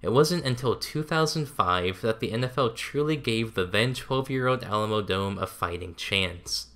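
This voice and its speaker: Man narrating a documentary, bright tone. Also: fairly low pitch, lively intonation, moderate pace, a little hiss or hum.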